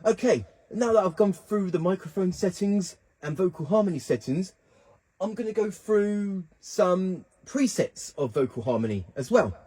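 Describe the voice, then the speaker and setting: A man's voice: sits high, expressive, moderate pace, dark tone, husky. A man hosting a keyboard tutorial, chatting casually and thinking aloud as he works the controls. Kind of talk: casual instructional demo.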